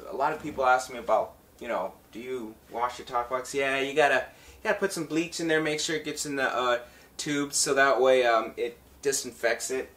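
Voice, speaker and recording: In this talk box tutorial, a musician chats informally with his audience, calling them guys and folks while explaining a practical process. He speaks in a mid-range, slightly bright voice at a moderate pace.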